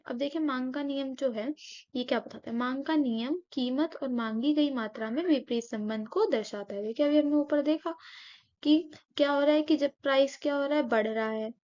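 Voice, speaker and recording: A woman's voice: sits high, a little mellow, lo-fi sound. A woman teaching an economics lesson, often asking rhetorical questions, answering them herself and checking in with her students. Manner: keeps checking in with "okay?".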